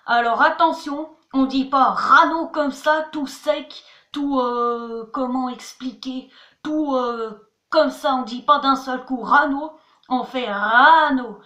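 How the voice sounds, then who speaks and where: In an echoey room, a channel host teaches words in a homemade language lesson, her high voice slow, pushed and bright. She's chatty, spelling words letter by letter and repeating "voilà" and "attention" again and again.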